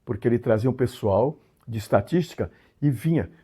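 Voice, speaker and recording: Husky Brazilian man explaining casually. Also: mid-range voice, expressive, fairly quick, warm tone. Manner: conversational, tag questions, emphatic swings. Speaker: channel host.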